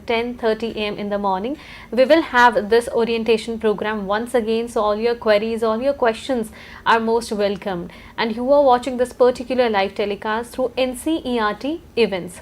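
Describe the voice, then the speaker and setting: A woman with an Indian accent hosting a live educational programme in a formal, courteous manner. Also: fairly high pitch. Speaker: host of live educational broadcast.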